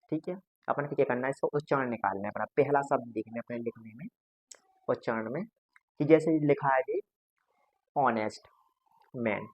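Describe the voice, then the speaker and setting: A man's voice: medium pitch, no echo, dull audio. A man teaching a grammar class to students, patiently going over each point again and again. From India.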